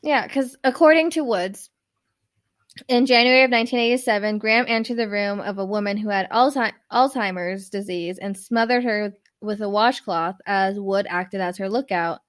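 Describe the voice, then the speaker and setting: A mid-range female voice at normal speed belongs to a New York podcast co-host whose first language is Spanish. Chatting casually about a true crime case, she rambles, fills her speech with "like," and trips over long words.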